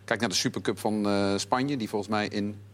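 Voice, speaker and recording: A man's voice: on the low side, steady tone, fairly quick. A man reporting on football news at a talk-show table, explaining the details thoroughly with wry asides. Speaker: football correspondent. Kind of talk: explanatory report in casual chat.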